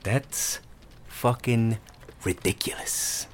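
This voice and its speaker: An actor plays an irritable male customer with a forceful, sharp voice. His pitch swings widely as he complains with entitled sarcasm. It suits a comedy phone sketch. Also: very animated, a little slow, slight background noise. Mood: furious. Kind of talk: acted comedy phone call.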